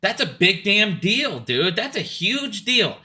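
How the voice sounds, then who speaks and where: In a high-pitched, pushed and bright voice with big pitch swings, a man speaks slowly through a casual, opinionated business monologue in the style of an investor commentator. He's blunt, emphatic and profane, repeating points to hammer them home.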